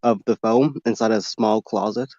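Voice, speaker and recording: A man's voice: fairly low pitch, fairly even intonation, normal speed, dark tone, no echo. A man, a voice actor, chatting bluntly and swearing casually from a foam-lined closet. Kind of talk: casual chat. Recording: dull lo-fi home recording.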